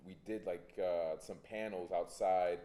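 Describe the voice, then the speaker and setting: A man born in Honduras and raised in Brooklyn, talking as an interview guest in a relaxed, hesitant way full of fillers. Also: low voice, unhurried. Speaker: public artist, interview guest. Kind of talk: casual interview chat.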